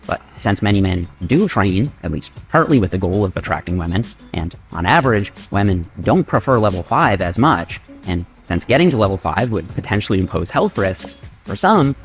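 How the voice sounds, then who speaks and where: Lively, low-voiced man narrating an explainer. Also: faint music behind. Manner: measured, data-driven, lively delivery. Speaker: fitness educator narrator.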